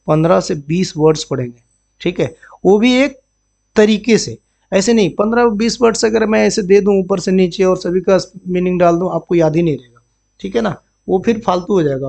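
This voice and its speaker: Man, vocabulary teacher, high voice, repeats each word and asks "understood?". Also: vocal fry, darkish tone. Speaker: banking exam vocabulary teacher. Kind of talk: Hindi-English classroom explanation.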